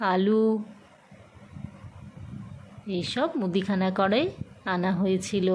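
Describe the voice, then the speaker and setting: Woman, home vlog narration, very slow, even, faint background hum. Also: medium pitch. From Kolkata, India. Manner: calm, listing items one by one. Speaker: vlogger.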